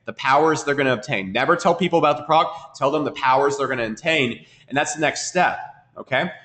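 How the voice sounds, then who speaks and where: A man with a bright, forceful, mid-range voice delivers a marketing webinar fast and repetitively. He sniffles from a cold and constantly checks in with his audience by asking "okay?"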